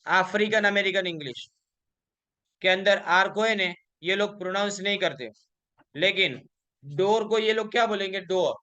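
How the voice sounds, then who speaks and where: A man with a high voice lectures through exam revision. His tone is bright and clear. He puts a question to the class and answers it himself, and he slows down to read out English examples. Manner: explains in mixed Hindi and English, asks questions and answers them himself; reads English examples slowly. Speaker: college lecturer.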